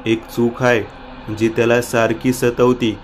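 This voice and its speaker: A man's voice: medium pitch, monotone, a little slow, slight background noise, lightly acted. A man voicing a rustic, teasing village man who is a caring old friend, in a storybook reading.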